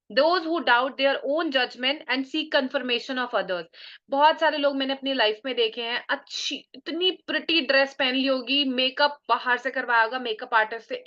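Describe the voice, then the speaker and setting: A woman teaching a live online class, mixing Hindi and English, slowing down to spell out key terms and often checking in with her listeners. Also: sits high, bright, forceful tone. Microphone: computer mic on a video call. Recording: muffled video call audio.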